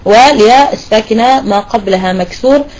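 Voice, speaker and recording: A woman leads a tajweed lesson, her voice sitting a little high. She explains step by step, asks her students questions and praises them, and slowly repeats words to show the right pronunciation. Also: a little mellow, poor audio. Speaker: Quran recitation teacher.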